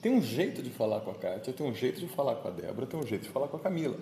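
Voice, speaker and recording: A man's voice: medium pitch, very animated, rapid-fire, dark tone. A man giving an informal daily homily, talking in a conversational and playful way with the people around him. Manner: conversational, playful, chatting with listeners present. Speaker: pastor. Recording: echoey room with faint ambient noise.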